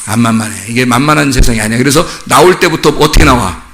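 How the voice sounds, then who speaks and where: A middle-aged male pastor giving a sermon, telling stories animatedly and putting questions to the congregation. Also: fast talker. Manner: animated storytelling, acts out children's voices in high pitch.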